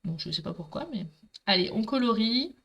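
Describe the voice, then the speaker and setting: A woman's voice: mid-range voice, animated, normal speed, fairly bright tone, highs cut off. A middle-aged woman with a Marseille accent, chatting with viewers while she demonstrates a craft project live. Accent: Marseille French. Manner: chatty, talkative, addresses viewers directly.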